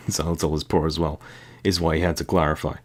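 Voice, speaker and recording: A man's voice: extremely low pitch, flat delivery, brisk. A British man with a non-London accent, joking and laughing through casual game commentary. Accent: British, not London. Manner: joking, laughing, dry asides. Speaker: gaming channel host.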